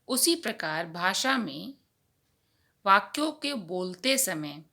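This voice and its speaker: A woman teaching a grammar lesson to young children, speaking slowly and deliberately as she explains examples. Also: medium pitch, pushed and bright. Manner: slow, deliberate teacher talk addressing children. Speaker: primary school teacher.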